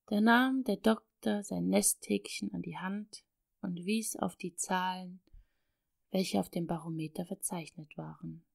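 Gravelly-voiced woman reading a storybook. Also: lowish voice, measured pace, no room sound, clean studio sound. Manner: expressive, warm storytelling with soft whispered passages. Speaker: audiobook narrator. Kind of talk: storybook narration.

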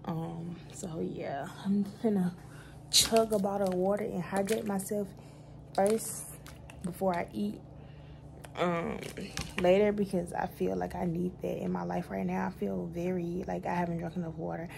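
In a fairly low-pitched voice with vocal fry, a young woman chats at normal speed through her casual day-in-my-life vlog, calling viewers y'all. She films on a phone held close at arm's length, in her bedroom and later in a car in heavy rain, against a noisy background.

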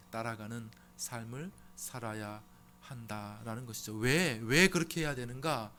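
A man's voice: mid-range voice, pushed and bright. Casting note: middle-aged male pastor, sermon delivery, mid-range voice, emphatic with repetition, faint hum in the background. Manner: emphatic, acts out complaining churchgoers in a raised voice. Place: church sanctuary.

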